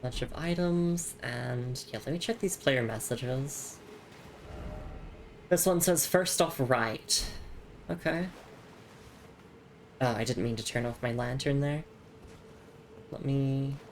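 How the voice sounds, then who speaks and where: Woman gamer streaming while sick, casual and giggly, reading chat aloud, faint background hiss. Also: extremely low pitch. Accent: non-standard English accent. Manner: chatty, giggly, reads chat and in-game messages aloud. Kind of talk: casual live gameplay chat.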